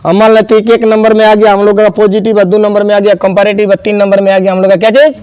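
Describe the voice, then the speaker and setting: A man's voice: high voice, flat delivery, fast, a little mellow, clear, resonant tone. A man teaching an English grammar class, spelling words out and quizzing students. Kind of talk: classroom lesson.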